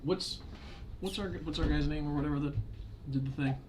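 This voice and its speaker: A man's voice: fairly high pitch, brisk, a little mellow, slight background noise. A man playing a tabletop game, eagerly reasoning through the group's options aloud. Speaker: player.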